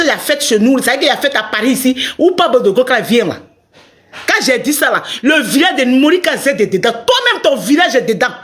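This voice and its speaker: A middle-aged woman with a high voice hosts a live stream. She rants at a rival in a heated, angry way, turning now and then to her viewers to ask them to tap. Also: a bit bright.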